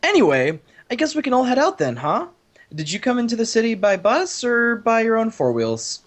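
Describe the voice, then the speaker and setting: A man's voice: very high-pitched, big pitch swings, normal speed. A man voicing a cheerful young male best friend in an amateur voice drama, bubbly and chatty.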